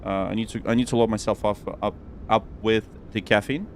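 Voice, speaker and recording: A man's voice: lowish voice, steady tone, fairly quick, a little hiss or hum. A young man streaming a flight simulator, talking casually and cheerfully to his viewers, rambling with fillers as he works. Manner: chatty, upbeat, rambling with fillers and self-talk. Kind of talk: casual livestream commentary.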